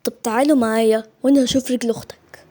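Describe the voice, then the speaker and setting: A woman's voice: a little high, steady tone, very fast, warm tone, pitched below the performer's own voice, close to an everyday voice. Woman doing a kindly male doctor. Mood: matter-of-fact. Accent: Egyptian.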